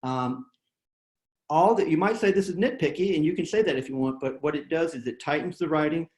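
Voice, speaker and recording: A man's voice: on the high side, a little fast, darkish tone, echoey room. Plain-spoken man presenting by video call. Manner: plain-spoken, self-deprecating, with many fillers and restarts. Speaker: presenter of a writing workshop. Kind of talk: webinar presentation.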